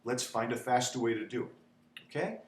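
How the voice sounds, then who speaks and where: In a brisk, medium-pitched voice, a chatty instructor walks through a spreadsheet tutorial, repeating "okay?" often and playing up panic for effect. The recording comes from an echoey room with a faint hum.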